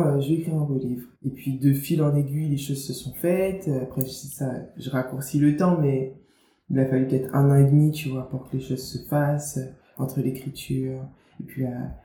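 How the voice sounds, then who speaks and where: A young woman from Guadeloupe, an author and media founder appearing as a guest, is interviewed in a roomy space with faint background noise. Her voice is rumbling low and warm, with fairly even intonation and normal speed. She chats casually, full of fillers and restarts.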